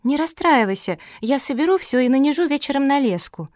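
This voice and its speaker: A woman voicing the youngest puppy sister, a small excitable girl who is eager and easily frightened, in a storybook reading. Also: high voice, brisk, no echo, clean studio sound, pitched above the performer's own voice.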